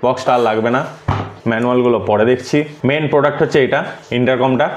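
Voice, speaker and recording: In a product unboxing, a vlogger walks through a relaxed hands-on tutorial, dropping English words into his speech as he explains. He talks fast in a medium-pitched, steady voice, with a little hiss or hum in the recording.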